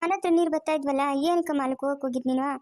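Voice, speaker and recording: A woman's voice: sits high, fairly even intonation, racing, a little mellow, natural voice. A woman voicing a worried grown daughter who pleads with her mother in a cartoon story. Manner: pleading, fretful. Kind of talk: cartoon voice acting.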